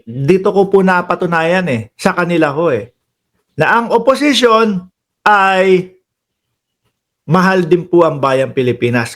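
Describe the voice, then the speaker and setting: A Filipino-accented man hosting a casual political commentary stream, chatty and quick to laugh, calling out to his viewers. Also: on the high side. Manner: chatty, laughs often, addresses viewers as bossing and kababayan. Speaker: political commentary livestream host.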